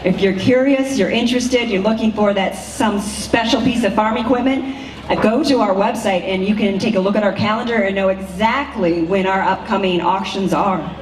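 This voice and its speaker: A woman co-hosting a public event, speaking in an emphatic, deliberate announcing style. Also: medium pitch. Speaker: event co-host. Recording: roomy PA sound, distant, faint noise.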